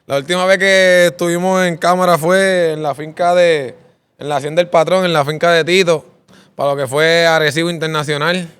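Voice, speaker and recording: A man hosting a relaxed sit-down interview, his voice smooth and clear and sitting a little high. He sounds upbeat and keeps tossing in a quick questioning filler as he talks. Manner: upbeat, repeats "¿verdad?" as a filler. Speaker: interviewer host. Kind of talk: casual interview.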